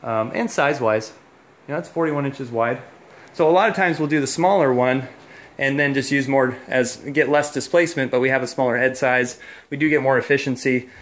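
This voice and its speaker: A man's voice: mid-range voice, normal speed, fairly bright tone. A man who installs heating and cooling, giving a casual hands-on walkthrough indoors in a home, explaining as he goes with plenty of fillers.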